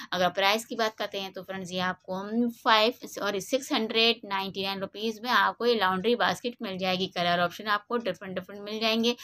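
A woman with a bright, mid-pitched voice narrates a casual shopping walkthrough. She moves through a large indoor store on a handheld phone, listing items and prices in a steady, repetitive rhythm. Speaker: shopping vlogger.

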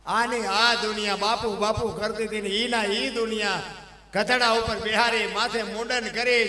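A man telling a devotional folk story, preaching to his listeners and rising to loud, emphatic peaks. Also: high-pitched. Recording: echoey hall with long reverb from live stage.

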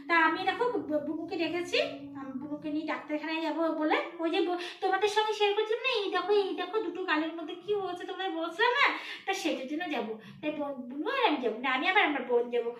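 A woman vlogger talks to her viewers in a very high, quick voice, animated and teasing. Her tone is bright and sharp. The sound carries the echo of a roomy space. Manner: animated, scolding and teasing by turns. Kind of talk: casual vlog chat addressed to viewers.

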